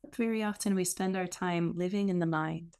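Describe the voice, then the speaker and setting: In a steady, lowish voice, a woman teaches a guided meditation. She takes her time, instructing gently and pausing as she goes.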